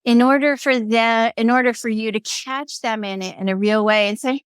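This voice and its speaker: A woman speaks as an interview guest, lively and playful in her delivery. Her voice sits fairly high. The sound is dry and close, with no room echo. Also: normal speed, smooth. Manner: animated, playful, acts out quoted voices. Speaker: guest, energy healer. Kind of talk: conversational interview.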